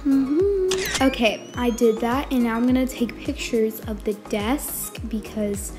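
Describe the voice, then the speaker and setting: A woman's voice: takes it slowly, music in the background. A young woman in a sleepy morning voice, narrating a role-play game and voicing its characters. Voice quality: soft and low. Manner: voices the game's characters in short lines. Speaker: game player.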